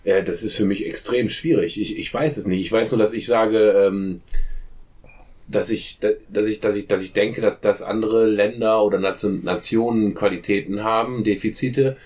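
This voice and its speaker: A man's voice: fairly low pitch, steady tone, moderate pace, darkish tone. A man in a casual group discussion who speaks emphatically and often stumbles over and repeats his words. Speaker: discussion participant.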